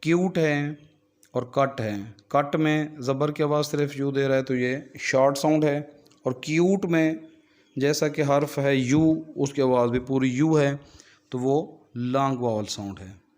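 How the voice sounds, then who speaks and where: A man's voice: mid-range voice, a little slow, a little mellow. A man, a teacher trainer, giving a methodical lecture that walks through a textbook and explains each point with worked examples.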